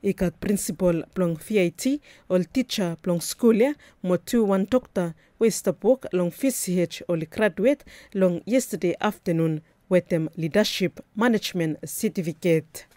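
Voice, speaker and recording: A woman's voice: fairly low pitch, normal speed, mellow, no echo. A woman with a Vanuatu accent, a news reporter narrating a scripted report in Melanesian Pidgin.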